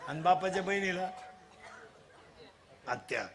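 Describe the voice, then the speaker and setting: Over background noise, a middle-aged man leads children through loud call-and-response in a comic devotional kirtan, teasing them as he preaches. He speaks in an animated, high voice, a little slowly.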